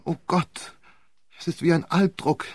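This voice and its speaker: A man's voice: medium pitch, expressive, a little slow, husky, dry recording. Male reader doing an accused young man, pleading and panicky, dry close sound. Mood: desperate. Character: desperate young male defendant on trial.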